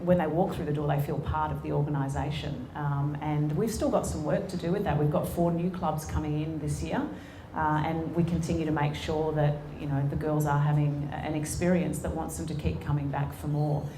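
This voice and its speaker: A woman's voice: sits low, little pitch movement, brisk, noisy background. A woman in her forties with an Australian accent, speaking earnestly with many ums and restarts as a guest in an on-stage conversation. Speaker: sports executive and guest speaker. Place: conference room before an audience. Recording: echoey event room.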